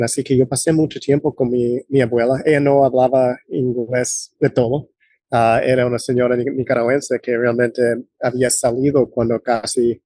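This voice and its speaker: A man in his late forties from the United States, a guest in an interview, talking in a halting way with many fillers and restarts. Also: medium pitch, warm tone, no room sound. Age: late 40s. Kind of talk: conversational interview.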